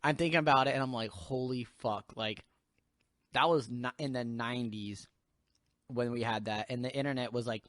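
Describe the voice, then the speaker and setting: A young man in casual podcast chat, his speech loose and rambling, full of swearing and filler words. His voice sits at an ordinary middle pitch. The recording is close and dry, with no room sound. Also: fairly even intonation, a little fast, fairly bright tone, no echo. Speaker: podcast host.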